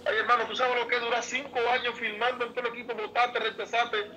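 A man's voice: very high-pitched, flat delivery, fast, sharp tone, slight background noise, rough recording. A man talking as a baseball player guest in a casual interview, earnest and emotional, often repeating himself. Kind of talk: casual interview, heartfelt storytelling.

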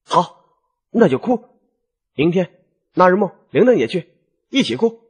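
A man's voice: on the high side, very animated, moderate pace, husky. A man voicing a young noble wife who rules the household, scolding sharply in a raised voice. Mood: resolute.

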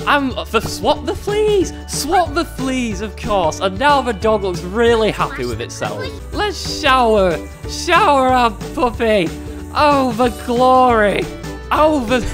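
British man with animated, swooping pitch. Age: 20s. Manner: jokey, sarcastic, sweary. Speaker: YouTube gaming host. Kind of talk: casual let's-play commentary. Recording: music behind the voice.

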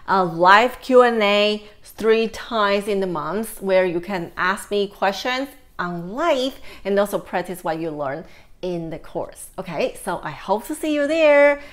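A woman in her thirties with a Taiwanese accent, a native Mandarin speaker, giving a conversational, explanatory language lesson as a teacher. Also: mid-range voice. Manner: explanatory, with Mandarin example phrases. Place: small living room, indoors. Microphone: lapel mic.

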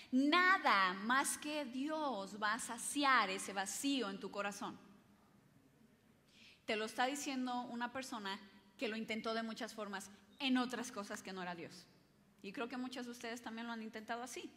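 Bright, high-voiced woman speaker in a hall. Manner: animated, acts out quoted voices, asks audience questions. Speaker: conference speaker. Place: large hall before an audience. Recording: reverberant hall.

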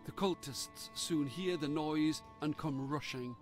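A man reading a dark gamebook aloud in a slow, measured storytelling manner. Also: a little high, faint music behind. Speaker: narrator.

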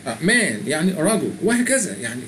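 His voice is a little high and sing-song, moving at a quick pace over a noisy background. The middle-aged tutorial presenter, who has an Egyptian Arabic accent, chats through a language app in a screen recording and reads its prompts aloud.

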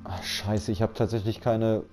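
A man's voice: on the low side, fairly even intonation, normal speed, music in the background. A man chatting casually while playing a game, slangy and laid-back, often saying "Alter". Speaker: Let's Play commentator. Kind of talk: casual gaming chat.

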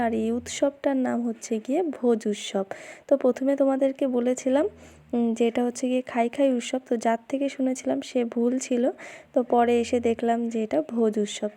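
Fast, chatty young woman vlogger. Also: a little high, warm tone. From West Bengal, India. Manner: chatty, repeats fillers while touring. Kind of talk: casual vlog narration. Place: outdoor food fair, evening.

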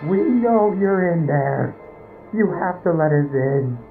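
A man voicing a desperate, ghostly survivor pleading in a strained, drawn-out way through a radio-like filter, in a horror story. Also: on the high side, lively intonation, vocal fry, faint music behind, pitched above the performer's own voice, full character voice. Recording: tinny, distant, phone-like filtered sound.

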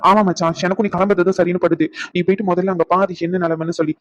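A man voicing a young hospital worker in a cartoon; he talks in a brisk, bossy way and mixes in English words. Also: sits high, level tone, dull audio, a little hiss or hum, close to an everyday voice. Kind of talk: cartoon voice acting.

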